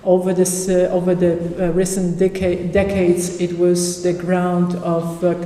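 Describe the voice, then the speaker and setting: A conference speaker talks through an academic presentation in a mellow, subdued voice, halting often between phrases. The delivery is slow, and the sound rings through a lecture hall with a long reverb tail. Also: mid-range voice, monotone. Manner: halting, with frequent pauses and fillers.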